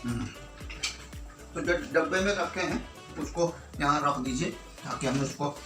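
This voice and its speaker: An Indian man with a slightly high voice speaks at a measured pace, far from the microphone, in an echoey room with music playing behind him. He's a magician demonstrating and selling tricks, running a magic tutorial like a party performer, full of showman patter, counting, and nonsense magic words, and he treats viewers as friends.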